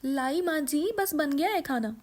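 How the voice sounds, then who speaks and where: A woman's voice: sits high, lively intonation, unhurried, pitched above the performer's own voice. A woman voicing a cheerful, careless young daughter-in-law in a cartoon story. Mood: chirpy. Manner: bright, chirpy, excuse-making.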